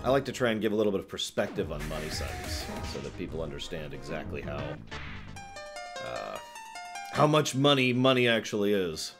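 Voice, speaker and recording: Fielding viewer questions on his live stream, a man talks a little fast in a low voice that swings widely in pitch. His casual chat is emphatic, opinionated and packed with asides, with music behind him.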